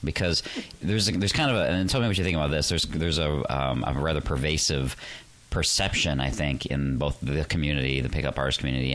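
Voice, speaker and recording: A male podcast host, raspy and recovering from flu, talking persuasively and emphatically about dating, then interviewing a guest. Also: very deep voice, a bit bright. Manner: persuasive, emphatic, rising on key lines.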